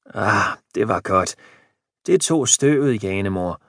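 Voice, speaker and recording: A man's voice: mid-range voice, expressive, no echo, clean studio sound, natural voice. A man voicing a gaunt, balding old husband who is hearty and good-natured, in an audiobook. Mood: cheery.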